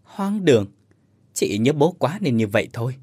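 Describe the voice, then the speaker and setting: A tired, skeptical younger sister, put on by a male narrator scoffs and brushes things off in a spoken story. Her pitch swings widely. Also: sing-song, moderate pace, a little mellow, slightly rough, no echo. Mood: dismissive. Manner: dismissive, scoffing.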